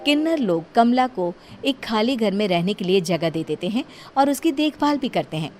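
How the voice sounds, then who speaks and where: A woman tells a horror story in a scripted, dramatic style, with her voice sitting in a middle pitch. Light background music plays beneath the narration. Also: expressive, moderate pace, darkish tone.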